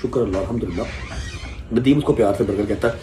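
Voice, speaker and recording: A man's voice: lowish voice, rapid-fire, warm tone. A man from Pakistan vlogging casually, joking and talking straight to his viewers. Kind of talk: casual family vlog chat. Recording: echoey rooms with faint noise.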